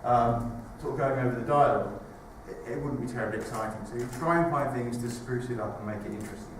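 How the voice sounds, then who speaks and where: Encouraging panelist in an echoey hall. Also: male voice, mid-range voice, fast. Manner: chatty, encouraging, laughing easily. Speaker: voice acting panelist. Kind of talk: convention panel, coaching a volunteer. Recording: echoey convention hall from far off, noisy.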